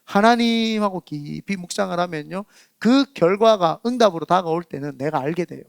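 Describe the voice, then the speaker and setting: A man preaching a Sunday sermon as pastor, acting out people's inner thoughts in lively quoted asides. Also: sits high, normal speed, gravelly, no room sound, studio quality. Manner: animated preaching, acts out inner voices of listeners. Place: church sanctuary.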